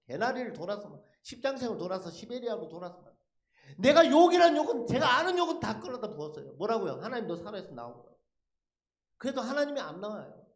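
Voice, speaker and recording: Animated high-voiced man testifying in an echoey church. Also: quick pace. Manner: animated storytelling with rhetorical questions. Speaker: lay speaker giving a testimony. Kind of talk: dramatic testimony at a church service. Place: church sanctuary.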